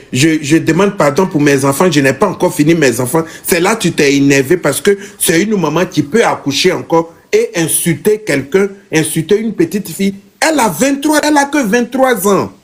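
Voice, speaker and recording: A man hosting a live online panel, talking in an emphatic, argumentative way and pushing back at his guests. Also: a little high.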